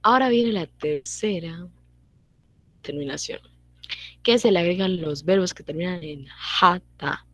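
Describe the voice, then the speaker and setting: A young woman giving a casual online grammar lesson, repeating her points and checking in with quick tag questions. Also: fairly low pitch, no echo. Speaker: language teacher.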